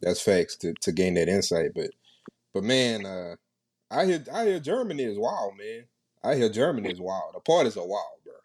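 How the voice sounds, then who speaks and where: Deep chill guy chatting on a podcast, slangy. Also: very animated, moderate pace, darkish tone, husky. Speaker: podcast co-host. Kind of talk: casual chat.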